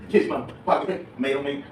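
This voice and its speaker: A man from the Philippines with a somewhat high voice, animated and laughing as he quizzes a live seminar audience. He mixes English into his Filipino. The recording is roomy and distant, with clear background noise. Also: takes it slowly. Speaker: seminar speaker for departing overseas workers. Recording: echoey room, distant and noisy.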